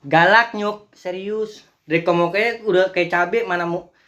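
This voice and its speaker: A man's voice: sits high, fairly even intonation, a little slow, background noise. Ranting, foul-mouthed male reaction host. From Central Java, Indonesia. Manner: crude, ranting, swears a lot. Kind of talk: casual reaction commentary.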